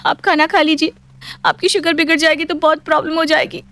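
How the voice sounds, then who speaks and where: A woman voicing a lovestruck, headstrong young daughter in an animated storybook, pleading and emotional. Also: high voice, a little fast. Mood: resigned.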